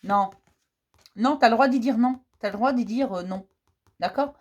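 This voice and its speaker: Gentle higher-voiced woman giving daily advice. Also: normal speed. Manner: gentle, repetitive, reassuring; warmly addresses viewers as dear ones. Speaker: host of a daily oracle-card message. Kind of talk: casual spiritual advice to viewers.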